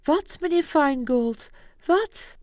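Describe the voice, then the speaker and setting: A flustered young typist, put on by a woman narrator, pleading and urgent in a raised, high voice. The sound is close and dry. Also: lively intonation, slow, darkish tone, no echo. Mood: urgent, upset.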